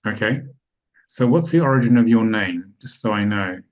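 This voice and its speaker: In dull, lo-fi online call audio, a man with a lowish, lively voice presents a spiritual webinar at normal speed. He explains things step by step and often checks that his audience is following.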